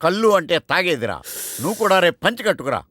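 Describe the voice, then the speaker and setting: Pompous strict old lecturer. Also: male voice, sits high, very animated, fast. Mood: stern. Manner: pompous, scolding. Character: strict old Telugu college lecturer, pompous and quick to punish. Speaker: college lecturer. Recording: film soundtrack with music.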